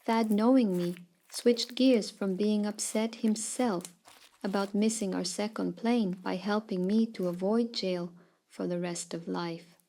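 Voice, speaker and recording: A woman telling a first-person story as a scripted storytime narration, with a lively, dramatic delivery. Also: mid-range voice, a little slow.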